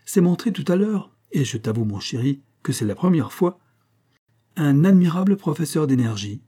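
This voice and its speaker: A man's voice: mid-range voice, moderate pace, warm tone, lightly acted. A man reading aloud and voicing a fickle, talkative young wife in a raised, lighter voice. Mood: coaxing.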